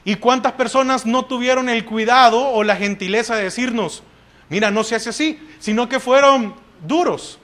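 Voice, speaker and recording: A man's voice: extremely high pitch, moderate pace, a bit bright. A man with a Salvadoran Spanish accent preaching a sermon in church, asking the congregation questions and answering them with frequent "amén".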